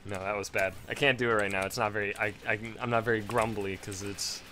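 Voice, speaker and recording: A man's voice: lowish voice, fairly even intonation, brisk, sharp tone, a little hiss or hum. A man doing casual, crude gameplay commentary, rambling between topics, his voice strained and failing.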